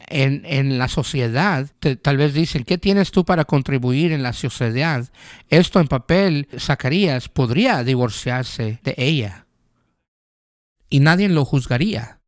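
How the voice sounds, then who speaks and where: A man's voice: a little high, dry recording, clean studio sound. A male pastor giving a conversational sermon, asking the listeners questions and telling personal stories.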